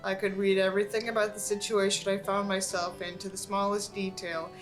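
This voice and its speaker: On a rough recording with faint music underneath, a woman reads a book and sneers at it in a weary, sarcastic, casual way, cursing here and there. She sounds tired and unwell, and her mid-range voice holds a level tone at a slightly quick pace.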